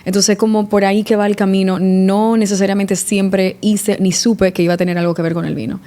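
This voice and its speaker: A woman from the Dominican Republic, speaking as a sommelier guest on a podcast. Her voice is mellow and warm at an average pitch. She thinks aloud, restarting phrases and filling pauses as she goes. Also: flat delivery. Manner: reflective, restarts often, eh fillers. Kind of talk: casual podcast interview.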